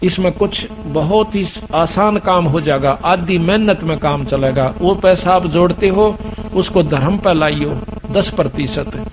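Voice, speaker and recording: A man's voice: high voice, measured pace. A man with a Haryanvi accent preaching a sermon at a satsang gathering, earnest and admonishing. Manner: earnest, admonishing, rustic dialect.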